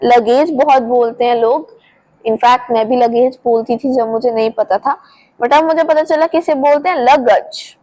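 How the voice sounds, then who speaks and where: A woman's voice: on the high side, measured pace, a little mellow, rough recording. A woman with an Indian accent teaching English pronunciation, repeating each word several times in a patient spoken lesson.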